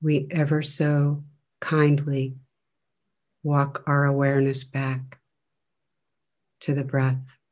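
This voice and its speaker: A man guides a meditation at a very slow pace. His delivery is gentle and flat in pitch, with a medium register. Long, measured pauses separate his phrases. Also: dull audio. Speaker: meditation teacher.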